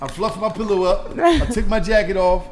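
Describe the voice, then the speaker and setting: A man hosting a podcast, telling a story in casual chat, animated and laughing, acting out his own scared voice. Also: high voice, moderate pace, background noise. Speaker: podcast host.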